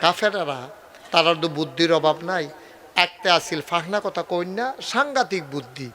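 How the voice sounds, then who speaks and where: Man, storytelling sermon, fairly high voice, surges from soft to loud. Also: expressive, moderate pace, crowd noise. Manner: storytelling with acted dialogue, swinging from quiet to loud rising cries. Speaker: preacher. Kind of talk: Bengali waz sermon.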